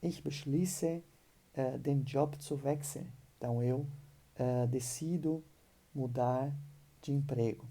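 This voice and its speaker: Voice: mid-range voice, fairly even intonation, takes it slowly, mellow. A German teacher gives an online lesson patiently, ending phrases with checking tags.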